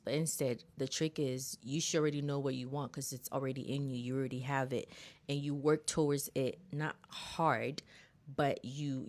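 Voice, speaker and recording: A woman's voice: rumbling low, darkish tone. A woman hosting a casual livestream, giving earnest motivational commentary and thinking aloud with fillers and the odd swear word. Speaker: livestream host. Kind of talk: casual self-help commentary.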